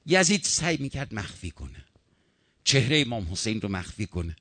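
A man's voice: fairly low pitch, big pitch swings, sharp tone, no room sound. A man preaching a sermon, impassioned, his voice rising and falling.

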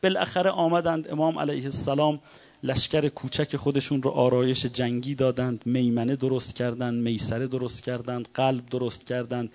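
A man preaching a religious sermon as a story. He chants quoted lines and then retells them plainly, and his voice swells louder at the dramatic peaks. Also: medium pitch, level tone.

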